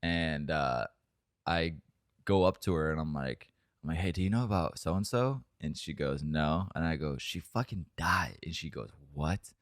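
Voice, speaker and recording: A man's voice: rumbling low, lively intonation, moderate pace, dry recording, studio quality. A young man co-hosting a podcast, telling a long story in a rambling, profane, laughing way. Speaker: podcast co-host. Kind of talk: casual storytelling chat.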